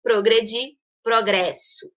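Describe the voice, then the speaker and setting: A woman's voice: a little high, fairly even intonation, takes it slowly. A woman teacher with a Brazilian Portuguese accent gives a recorded lesson to young pupils. She talks patiently, stresses example words and keeps checking in with the class. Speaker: primary school teacher.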